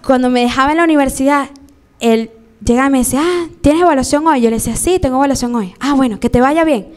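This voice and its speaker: A young Venezuelan woman preaching a live sermon in a church, lively and acting out the voices she quotes. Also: sits high, fast.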